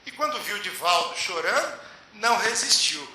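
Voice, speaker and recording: Man, spiritual lecturer, high lively voice, measured emphatic pauses, big echoing hall. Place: lecture hall at a public meeting. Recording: echoey hall with faint hiss.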